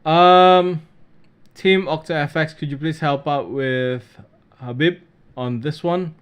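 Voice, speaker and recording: Smooth-voiced man answering webinar questions. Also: a little high, takes it slowly. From Australia. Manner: casual, reads out viewer questions and answers them. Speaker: trading webinar presenter. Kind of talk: live webinar Q&A.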